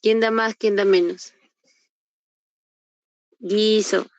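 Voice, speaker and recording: A woman's voice: medium pitch, fairly even intonation, drawn-out words, no echo, lo-fi sound. A woman teacher giving an online class, patiently sounding out example words and quizzing her students. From Peru. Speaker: university entrance prep teacher. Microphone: computer mic on a video call.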